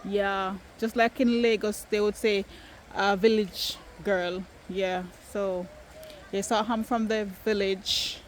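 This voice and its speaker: A woman's voice: medium pitch, slow, a little hiss or hum. A woman from Jamaica with a Jamaican accent, chatting casually and emphatically in a family vlog, filmed outdoors in the countryside. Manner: animated, emphatic, playfully argumentative. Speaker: vlogger.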